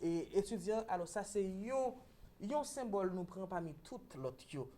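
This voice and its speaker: A woman's voice: medium pitch, animated, unhurried, dark tone, a little hiss or hum. A Haitian woman teaching English pronunciation on a talk show, explaining patiently and checking in with a repeated "ok?".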